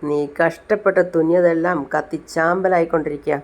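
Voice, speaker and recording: A man's voice: a little high, fairly even intonation, brisk, close to an everyday voice. A woman voicing a scheming male villain who gloats slyly. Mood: gloating. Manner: gloating, sly.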